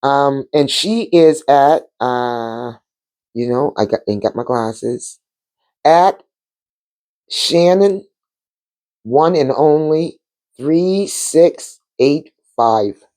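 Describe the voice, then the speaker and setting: Slow-talking woman vlogging spiritual encouragement. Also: rumbling low. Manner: warm-hearted, repeats words for emphasis, animated exclamations. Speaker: channel host. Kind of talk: casual spiritual vlog chat. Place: home, sitting on a couch.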